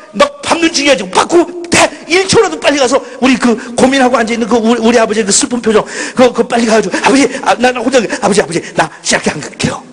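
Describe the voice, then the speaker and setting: A middle-aged male pastor preaching a dramatic personal story at a retreat, swinging between loud outbursts and hushed lines. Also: very high-pitched. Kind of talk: impassioned sermon storytelling. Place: large hall at a student retreat. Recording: echoey hall with long reverb.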